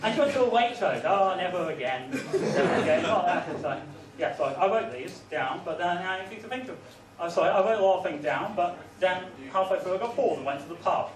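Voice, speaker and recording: A man's voice: high voice, expressive, fast talker, a crowd in the background. A young man with a northern English accent doing a rambling, self-deprecating stand-up set in a student bar. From northern England. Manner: rambling, self-deprecating, filler-heavy delivery. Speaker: stand-up comedian. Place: student bar with live audience. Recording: roomy, distant mic with audience laughter.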